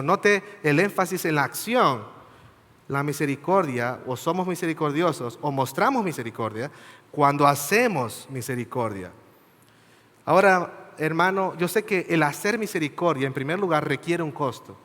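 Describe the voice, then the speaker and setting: A man delivers a sermon in a voice pitched a little high. He talks earnestly, asking the congregation questions and checking in with short tags as he goes. The sound rings out with the long reverb of a large church hall. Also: expressive, moderate pace, fairly bright tone. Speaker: preacher.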